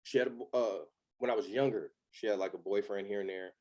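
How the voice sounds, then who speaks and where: Guest: man in his thirties, lowish voice, loose and candid, full of fillers. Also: quick pace, darkish tone. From Los Angeles. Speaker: podcast guest. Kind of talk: casual chat.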